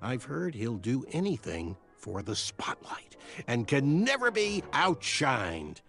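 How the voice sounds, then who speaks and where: A man's voice: medium pitch, huge pitch swings, slow pace, fairly bright tone, faint music behind, full character voice. An actor playing a chatty, well-informed male knight in a video game, polite and gossipy.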